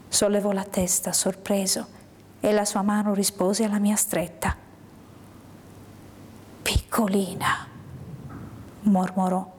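A woman reading a first-person literary story aloud in a measured, hushed way, sometimes sinking into a whisper. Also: mid-range voice, a little hiss or hum. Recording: long hall reverb.

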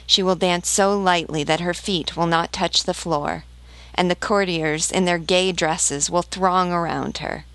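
A woman reading the part of a lovesick young male student from a storybook, in a slow, wistful way. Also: fairly low pitch, fairly even intonation, a bit bright, no echo.

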